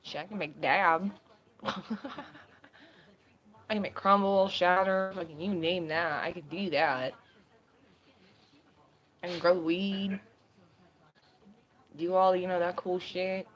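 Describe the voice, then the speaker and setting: A woman's voice: fairly low pitch, steady tone, takes it slowly, long pauses, lo-fi sound. A woman vlogging in casual chat, with a laid-back, slangy, sweary stoner way of talking.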